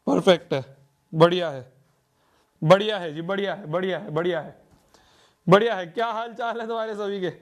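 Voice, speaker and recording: A man with a high-pitched voice running a live online class from his studio. He chats with the students and keeps repeating phrases as he settles in before the lesson. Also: moderate pace, long pauses. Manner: chatty, repeats phrases often. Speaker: online teacher. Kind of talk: live class, casual Hindi teaching. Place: home studio.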